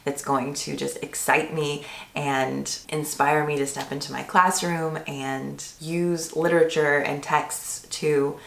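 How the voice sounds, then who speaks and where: A woman teacher, hoarse from losing her voice, chatting enthusiastically about books in a casual vlog with lots of filler words. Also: low voice, little pitch movement, slow, fairly bright tone, roomy sound, a little hiss or hum. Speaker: teacher and channel host.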